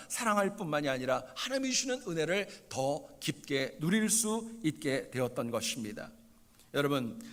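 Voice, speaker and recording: A man's voice: fairly high pitch, fairly bright tone, long reverb tail. A male pastor preaching a sermon in a church sanctuary, earnestly addressing the congregation and repeating his key phrases for emphasis.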